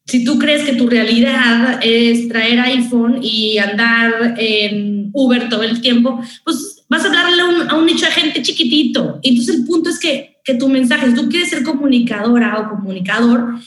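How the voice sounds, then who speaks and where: A woman with a Mexican accent chatting as a guest, a lively storyteller who acts out other voices. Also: fairly high pitch, moderate pace, hardly any pauses, reverberant. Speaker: radio host guest. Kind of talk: casual interview chat.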